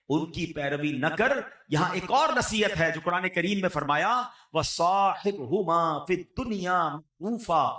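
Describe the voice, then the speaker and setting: A man preaching a sermon in an earnest, exhorting way, swinging between raised and hushed delivery. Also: high-pitched, far from the mic. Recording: echoey room, voice off the mic.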